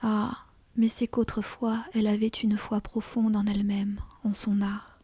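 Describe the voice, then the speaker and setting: A woman reading literary fiction as an ASMR audiobook in a hushed, breathy, deliberate whisper, close to the mic. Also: medium pitch, level tone, no room sound. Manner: slow, hushed, deliberate storytelling. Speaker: audiobook reader.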